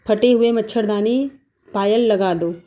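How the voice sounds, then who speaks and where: A woman's voice: medium pitch, a little slow, phone-quality sound, close to an everyday voice. A woman voicing a bossy, stubborn middle-aged mother-in-law in a cartoon story, talking in a scolding, dismissive way.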